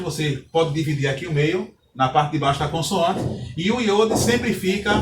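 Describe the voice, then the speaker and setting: A man's voice: high voice, background noise. A man teaching a recorded language lesson, patient and methodical, repeating key points and putting questions to the class. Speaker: Hebrew teacher. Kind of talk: recorded lesson, explaining step by step. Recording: echoey room, distant from mic.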